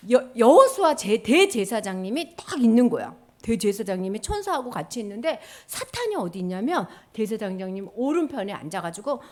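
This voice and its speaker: A woman giving an animated children's sermon, quizzing the children as she retells the story. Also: a little high, normal speed, few pauses. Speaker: children's pastor.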